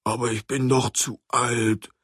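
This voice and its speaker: A man voicing a sad old male alarm clock who is always late, speaking despondently with a husky, gravelly voice. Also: high-pitched, takes it slowly, dry recording, studio quality, heavily acted. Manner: despondent, later urging loudly.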